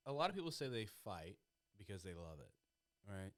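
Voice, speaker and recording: Man, podcast host, low voice, rapid, rambling, swears, casual chat. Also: big pitch swings. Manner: quick, rambling, swears freely.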